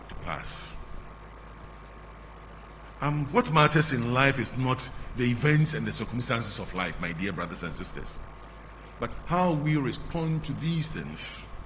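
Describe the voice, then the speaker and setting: Ghanaian man preaching slow, lively up-and-down pitch, echoey church, faint hum. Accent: Ghanaian English. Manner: measured, drawn-out phrasing with falling line endings. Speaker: canon and preacher. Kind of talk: sermon with gospel reading. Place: large church sanctuary at the altar. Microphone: lectern microphone, face mask on.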